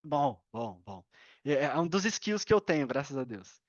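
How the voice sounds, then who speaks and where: Brazilian guy on a podcast, lively slangy storytelling, dry slightly dull sound. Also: on the high side, measured pace, dry recording. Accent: Brazilian Portuguese. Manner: animated, slangy, laughs and self-corrects often. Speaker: podcast guest. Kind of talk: casual storytelling.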